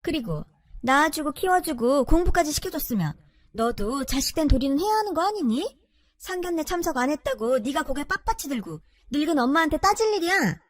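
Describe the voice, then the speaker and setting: Woman putting on a shrill scolding old mother. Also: big pitch swings, brisk, dry recording. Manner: sharp nagging scolding. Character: shrill scolding older mother, favors eldest daughter.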